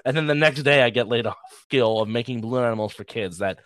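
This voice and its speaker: A man's voice: medium pitch, fast, a bit bright, dry recording. A man, a comedian, telling rambling, self-deprecating stories in a casual podcast chat. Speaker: comedian guest.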